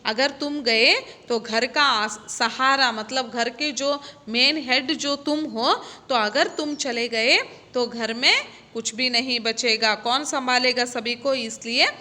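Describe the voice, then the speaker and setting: A woman's voice: a little high, steady tone, takes it slowly, sharp tone, big-room sound. A woman voicing an anxious, devoted Brahmin wife who pleads emotionally with her husband. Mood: pleading.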